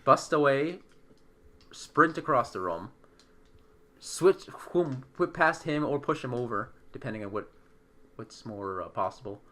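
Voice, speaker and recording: A man playing a tabletop role-playing game, planning his moves in a joking, profane, animated way. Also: mid-range voice, measured pace, long pauses. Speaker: player. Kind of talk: casual tabletop game play.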